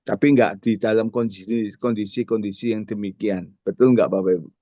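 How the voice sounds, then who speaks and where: A man's voice: on the low side, steady tone, moderate pace, warm tone, dry recording. A man, telling a story as a testimony at a prayer fellowship, speaking directly to the congregation. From Indonesia. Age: 60s. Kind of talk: sermon testimony. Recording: dull dry sound.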